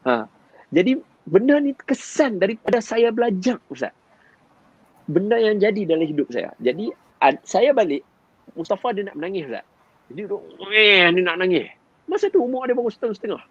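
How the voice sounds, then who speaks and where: A man, telling a story in an animated way and often turning to address his listener directly. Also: sits high, a little fast, breathy edge, no room sound, muffled recording. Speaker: guest father sharing parenting experience. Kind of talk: storytelling in conversation.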